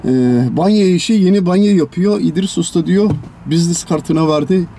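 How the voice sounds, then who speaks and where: A man from Turkey, a general contractor, chatting casually in a vlog from a house he is renovating, grumbling and swinging from tired sighs to loud rants. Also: high voice, fairly even intonation, fairly quick, roomy sound, slight background noise. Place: house under renovation, indoors.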